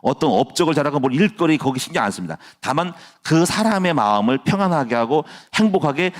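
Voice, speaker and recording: A middle-aged man preaching a dawn sermon as pastor, jokey and lively, laughing often and dropping to a near hush at times. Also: medium pitch.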